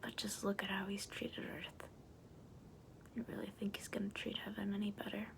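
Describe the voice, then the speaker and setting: A woman in a whispered role-play voicing a sly, persuasive she-devil, in a breathy, coaxing demonic whisper. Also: mid-range voice, completely flat delivery, moderate pace, close to an everyday voice. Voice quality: breathy whisper with creaky edges.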